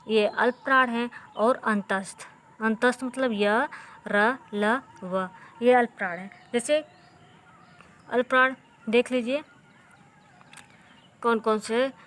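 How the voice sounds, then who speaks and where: Slow, patient woman teaching grammar. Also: a little high, fairly bright tone. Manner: slow and patient, repeating key terms and drilling letters aloud. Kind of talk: Hindi grammar lesson for exam students.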